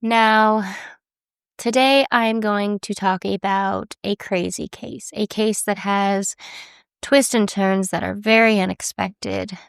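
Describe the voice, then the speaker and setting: A woman's voice: mid-range voice, steady tone, slow pace, creaky, clean tone, no room sound, studio quality. A woman hosting a true crime podcast, talking casually with fillers and restarts, her voice congested from a cold. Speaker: podcast host.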